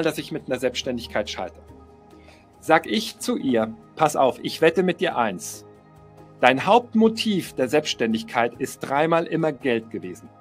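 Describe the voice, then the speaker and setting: A middle-aged man giving a motivational coaching talk, emphatic, repeating key phrases and speaking straight to the listener. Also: on the high side. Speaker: life coach.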